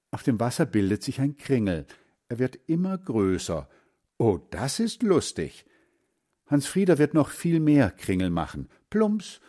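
Male storyteller for children's audiobook; unhurried, lively melody. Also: lowish voice. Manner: slow, expressive, clear. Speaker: narrator.

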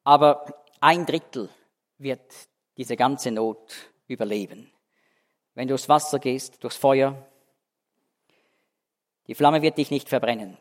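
A man teaching through a Bible passage as a preacher, swinging between emphatic raised phrases and hushed, slow endings. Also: mid-range voice. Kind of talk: verse-by-verse Bible teaching sermon. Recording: long hall reverb.

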